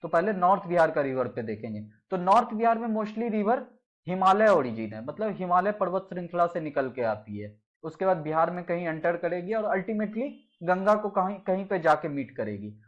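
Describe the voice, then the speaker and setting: Guy teaching geography off slides, high voice, bit muffled recording, keeps repeating names in lists. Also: sing-song, normal speed. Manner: mixes Hindi with English phrases, repeats key names in lists. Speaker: exam-prep teacher. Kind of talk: slide-based geography lesson.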